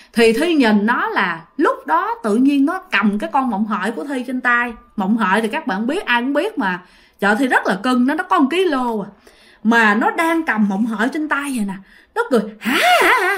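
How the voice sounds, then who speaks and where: A woman with a Southern Vietnamese accent telling her own ghost story dramatically, speaking straight to her listeners. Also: fairly high pitch. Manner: dramatic, emphatic, addresses listeners directly. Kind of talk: first-person ghost story told to listeners.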